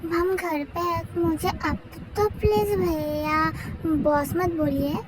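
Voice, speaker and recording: A man's voice: very high voice, steady tone, slow pace. A young man voicing a teenage younger sister who pleads and frets, in a fan story recorded outside in the wind. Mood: pleading. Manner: pleading, whiny. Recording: windy outdoor noise from a main road.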